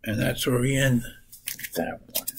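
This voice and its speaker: A man casually retelling comic book plots in a halting, piece-by-piece way. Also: mid-range voice, level tone, husky, poor audio.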